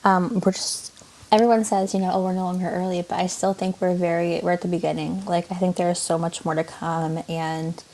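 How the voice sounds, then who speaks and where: A woman's voice: lowish voice, level tone, a little fast, warm tone. A woman artist chatting casually as an interview guest, rambling with many fillers.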